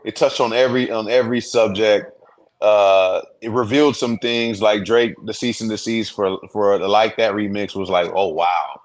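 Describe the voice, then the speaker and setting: A man's voice: on the low side, fairly even intonation, normal speed. A man co-hosting a casual podcast, rambling with many restarts and getting worked up as he goes. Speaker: podcast co-host. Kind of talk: casual sports podcast chat.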